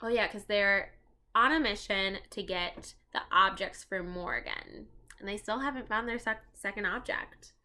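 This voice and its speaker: Speaking at a medium pitch and a measured pace, a woman gives an expressive children's storybook reading, treating listeners as friends and explaining as she reads.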